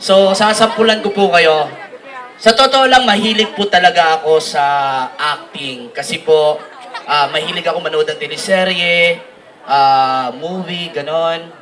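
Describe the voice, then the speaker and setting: A man doing animated live comic storytelling on stage, often laughing at his own jokes. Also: a little high, a little slow, far from the mic. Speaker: comedian performing on stage. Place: live outdoor city event stage.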